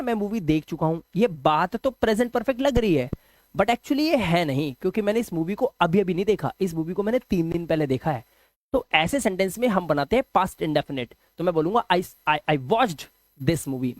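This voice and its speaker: A man with a Hindi accent teaches an English grammar lesson in a lively, joking way, throwing rhetorical questions at his students. His voice sits high, and there's no room sound.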